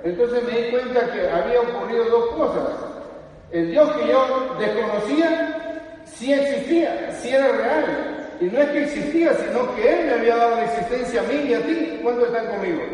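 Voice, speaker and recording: High-voiced preacher in an echoing church. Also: male voice, darkish tone. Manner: conversational storytelling with rhetorical questions. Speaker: evangelical preacher. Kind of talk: sermon. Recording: echoey church hall from far off.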